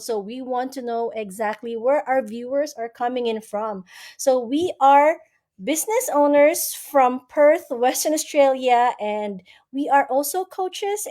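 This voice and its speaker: A woman's voice: high voice, darkish tone. A woman hosting a live broadcast interview as a coach, with a friendly, inviting manner. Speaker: host and coach.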